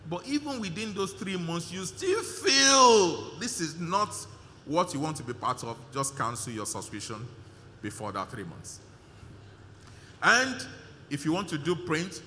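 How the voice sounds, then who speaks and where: A man's voice: fairly high pitch, animated, moderate pace, bright, forceful tone, a little hiss or hum. A man speaking as a conference organizer, giving an emphatic, repetitive vote of thanks with many fillers at a live event. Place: large conference hall. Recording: hall reverb with faint ambience.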